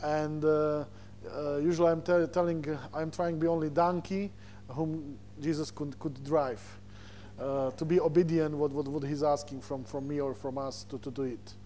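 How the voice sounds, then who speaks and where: A visiting preacher from Slovakia, speaking with a Slovak accent, preaches informally through personal stories, halting as he searches for words in his non-native English. His voice is fairly high, mellow, and evenly intoned, with a little hiss or hum.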